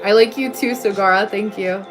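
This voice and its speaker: Her medium-pitched voice stays steady at a normal speed as she chats casually on her livestream. Music runs in the background while she replies to comments and stops to say hello to viewers.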